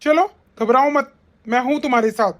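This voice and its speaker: A woman's voice: sits high, moderate pace, lightly acted. A woman voicing a protective young husband. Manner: reassuring. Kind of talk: animated family drama voice acting.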